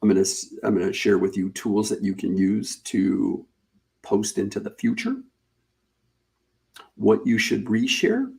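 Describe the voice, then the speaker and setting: A man hosting a live webinar, pitching a paid challenge in a casual, chatty way, repeating and restarting phrases as he goes. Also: expressive, measured pace, creaky, long pauses, darkish tone. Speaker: webinar host.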